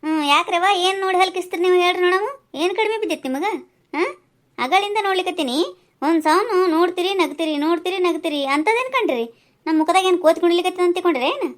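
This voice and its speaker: A brash, quick-tempered village woman from a cartoon, as a woman puts her on, with a North Karnataka accent. Her voice sits high and she fires off words at a fast clip, combative and scolding. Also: lightly acted. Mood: indignant. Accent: North Karnataka Kannada. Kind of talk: cartoon voice acting.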